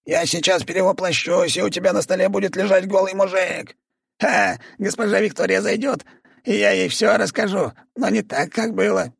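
Tatoshka, a shrill whiny chihuahua werewolf. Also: male voice, normal speed, gravelly, slightly rough, no room sound, clean studio sound, full character voice. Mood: scheming. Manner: shrill, squealing, melodramatic. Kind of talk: audiobook character voice.

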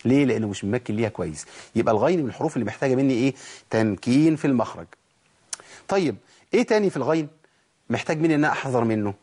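A man's voice: mid-range voice, animated, very fast, a little mellow, slightly rough. An Egyptian man teaching Quran recitation, asking rhetorical questions and answering them himself, and drawing out letter sounds in repeated demonstrations. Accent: Egyptian Arabic. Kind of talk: recorded recitation lesson.

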